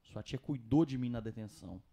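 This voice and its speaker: A young Brazilian man, telling his story casually on a podcast in a slangy, animated way. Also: medium pitch, fairly quick, vocal fry, breathy edge.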